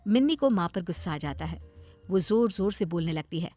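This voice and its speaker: A woman's voice: on the low side, lively intonation, fairly quick, mellow, soft background music. A woman narrating a cartoon story in a plain, scripted way.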